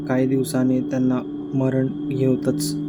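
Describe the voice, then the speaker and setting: A man's voice: medium pitch, monotone, a little slow, lightly acted. A man voicing a grim middle-aged bullock-cart driver who gives an ominous warning, in a horror story. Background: loud background music.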